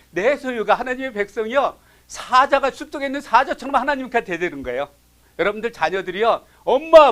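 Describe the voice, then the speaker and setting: A man teaching a Bible study class, animated, dropping from loud emphasis to hushed asides and acting out quoted voices. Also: sits high.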